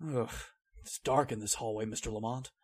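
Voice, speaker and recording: In an old-time radio drama, a man plays an anxious, uneasy employee searching his employer's gloomy house, and he sounds worried and hesitant. His mid-range voice holds a steady tone at a moderate pace, the acting is light, and the recording is very noisy.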